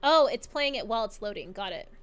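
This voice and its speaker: Bubbly high-voiced woman streaming a game. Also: lively intonation, fast talker, clean tone. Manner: bubbly, giggly, hums along. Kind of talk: live gameplay commentary, reading chat. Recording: game music playing behind.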